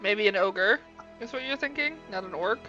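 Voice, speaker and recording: A man's voice: high voice, animated, normal speed, bright, forceful tone. A man playing a tabletop game, butting in with teasing, mocking remarks. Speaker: player. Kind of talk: casual chat at a gaming table. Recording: dull lo-fi audio, faint music.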